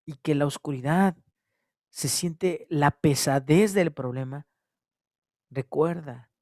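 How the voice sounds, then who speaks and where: Man, pastor, Mexican Spanish accent, sermon, fairly high voice, dry close sound, rises loud then drops to a hush. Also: no room sound. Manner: repetitive, swings between loud exhortation and hushed tones. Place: church service.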